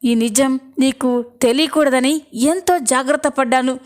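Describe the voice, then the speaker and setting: A woman voicing a scheming male villain who turns harsh and threatening, read in her own high voice in a storybook retelling. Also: measured pace. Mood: menacing.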